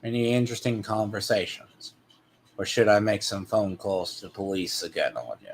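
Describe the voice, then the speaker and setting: A man giving off-the-cuff reaction commentary in a deliberate, needling, disapproving way. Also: fairly low pitch, slight background noise. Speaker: commentator reacting to a played recording.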